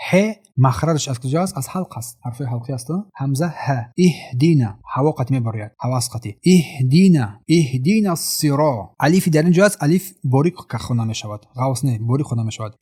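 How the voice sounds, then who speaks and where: A man with a Tajik accent teaching Quran recitation, stretching each recited word slowly and then explaining it quickly. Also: medium pitch, dark tone. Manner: drawn-out recited words between quick explanations. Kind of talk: tajweed lesson, slow recitation with explanations.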